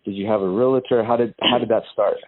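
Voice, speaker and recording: A man's voice: on the low side, steady tone, fast. A man hosting a podcast, asking casual questions and cheering his guest on with short replies. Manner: encouraging, short affirmations. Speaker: podcast host. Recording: tinny phone-like line.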